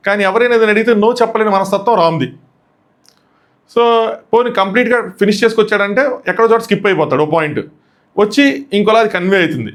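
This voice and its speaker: A man giving a casual, opinionated recap of a reality show, dropping his voice low when he quotes people. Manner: retells quotes in a lowered voice; rapid, chatty, opinionated. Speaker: show commentator.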